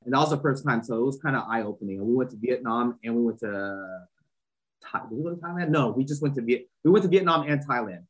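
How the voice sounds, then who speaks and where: A fashion entrepreneur in his forties, raised in Southern California, chats casually as a podcast guest in an interview. His mid-range, husky voice moves fast with lively intonation, and he rambles with plenty of fillers and restarts. The audio quality is poor.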